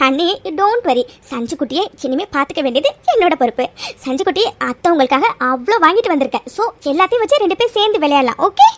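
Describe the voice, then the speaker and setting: A woman doing a bubbly cartoon daughter, squeaky-high. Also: expressive, quick pace, a little hiss or hum. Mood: playful. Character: bubbly young daughter, playful and loving.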